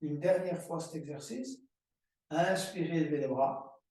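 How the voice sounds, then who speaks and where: A man teaching a yoga class, giving slow, calm breathing and movement cues. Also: fairly high pitch, far from the mic. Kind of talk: guided yoga class instruction. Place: room recorded as an online class. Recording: roomy echo, voice from afar.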